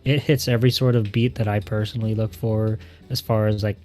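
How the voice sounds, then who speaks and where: A man's voice: fairly low pitch, level tone, brisk, mellow. Teasing man as a podcast guest. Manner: joking, playfully teasing. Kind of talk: casual streamed podcast chat.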